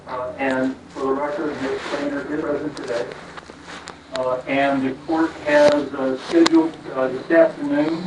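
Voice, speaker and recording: An American man speaks as a judge through a face mask in a very echoey room, picked up from a distance. His voice is a little high for a man, and his formal address is halting, full of pauses and repeated words. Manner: halting, frequent long hesitations and repeated words. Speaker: judge presiding over a court hearing. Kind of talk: formal courtroom address from the bench, partly informal. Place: courtroom. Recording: echoey courtroom, distant mic, faint noise.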